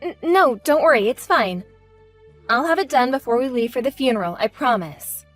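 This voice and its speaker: Audio drama: woman to play polite, apologetic daughter-in-law, meek and placating, high register, light music underneath. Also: lively intonation, normal speed. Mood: polite, uneasy. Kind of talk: scripted audio drama acting.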